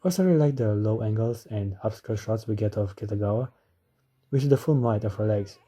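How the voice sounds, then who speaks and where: A man's voice: lowish voice, quick pace, warm tone, husky. A man narrating a scripted review as an anime reviewer.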